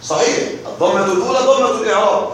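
A man teaching an Arabic grammar lesson, slowly repeating rules and often checking that his students follow along. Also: high-pitched. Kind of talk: classroom lesson explaining morphology. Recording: very echoey room with faint noise.

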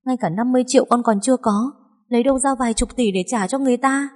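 A woman's voice: fairly high pitch, fast talker, voice pushed up, lightly acted. A woman doing an indignant young heroine. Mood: upset. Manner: indignant and sharp. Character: hot-tempered young woman, the story's heroine.

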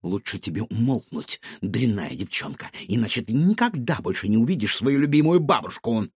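A scheming middle-aged fortune-teller in a children's audiobook, put on by a male narrator, pitched high and stretched out slowly. Her sweetness is false, with a slight husk to the voice. The whole thing sounds like a dry, close reading. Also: big pitch swings, no room sound, exaggerated voice. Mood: hissing threat. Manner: slow, drawling and mock-sweet.

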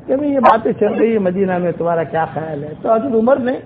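A man's voice: high-pitched, expressive. A man giving a Friday sermon in a mosque, retelling stories with quoted dialogue and emphatic repetition. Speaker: preacher. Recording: tinny phone-like sermon recording with faint hiss.

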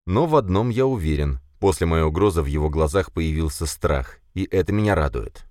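A man with a very deep voice reads a first-person fantasy audiobook. His delivery is measured yet lively, with wide expressive swings in pitch. The sound is dry and close to the mic. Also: dry recording. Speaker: audiobook narrator.

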